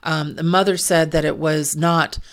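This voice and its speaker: Woman w/ a low voice going over medical billing rules, blunt, kinda fed up. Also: fairly even intonation, normal speed. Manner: frank, exasperated asides amid explanation. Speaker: medical coding and compliance auditor. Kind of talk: informational talk on healthcare billing rules.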